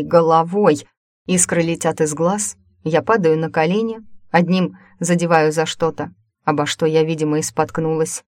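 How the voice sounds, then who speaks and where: Female story narrator, low register, conversational and wry, close dry recording. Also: a little mellow, dry recording. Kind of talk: scripted first-person audiobook narration of science fiction.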